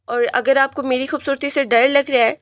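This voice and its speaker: A woman's voice: high voice, level tone, fairly bright tone, no room sound, clean studio sound. A woman voicing a proud, stubborn young woman who answers back with teasing defiance. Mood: defiant.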